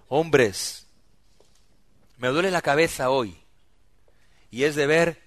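A man preaching a sermon as pastor, swinging between loud emphatic outbursts and hushed, low asides. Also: no echo.

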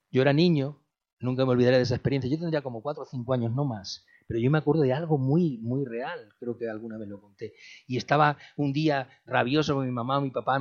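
Dramatic male preacher. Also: medium pitch. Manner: dramatic, swings between loud rhetorical questions and quiet asides. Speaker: pastor. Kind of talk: sermon. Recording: dull lo-fi recording.

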